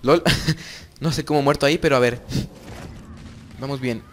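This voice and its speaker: A young man giving excited gameplay commentary as host of his gaming channel, repeating phrases over and over. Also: medium pitch, fairly quick, a little hiss or hum.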